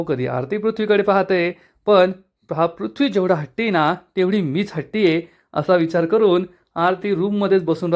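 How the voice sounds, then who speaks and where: A man with a high voice retells a TV serial episode scene by scene. He keeps a steady storytelling manner throughout the recap.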